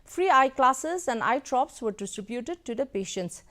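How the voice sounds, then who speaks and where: High-voiced woman reading news. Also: expressive, normal speed, pushed and bright. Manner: formal. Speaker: news anchor.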